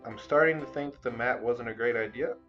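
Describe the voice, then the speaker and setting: A man's voice: medium pitch, brisk, muffled recording, soft background music. A man vlogging casually at home, rambling and swearing while he talks to viewers as he works with food. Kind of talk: casual vlog commentary while cooking. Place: home room with cat hair around.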